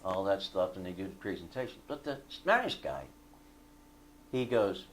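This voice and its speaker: A man leading a fellowship group, telling a story in a casual, animated way and asking the listeners for agreement. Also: sits low, normal speed.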